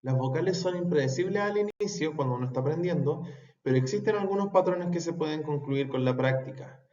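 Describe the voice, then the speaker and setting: A man teaching a pronunciation lesson, repeating words slowly and carefully. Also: on the high side, a little mellow. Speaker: English teacher. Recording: echoey room, dull lo-fi sound.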